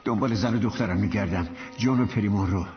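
A man's voice: on the low side, soft background music, natural voice. A male dubbing actor voicing a frantic father searching a hospital for his wife and daughter, agitated and pleading. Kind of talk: Persian film dub. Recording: dull lo-fi film audio with loud score.

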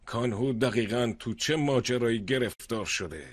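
A man playing a husky village chief. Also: mid-range voice, no room sound, natural voice. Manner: earnest, gently reproachful. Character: concerned older village chief, kind but firm. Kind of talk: dubbed drama acting.

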